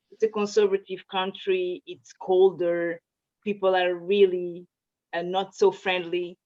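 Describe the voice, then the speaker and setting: A woman from Portugal, a native Portuguese speaker, answering interview questions in a casual, hesitant way with many fillers and restarts. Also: fairly low pitch. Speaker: interview guest. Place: home in Zurich. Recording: muffled lo-fi audio.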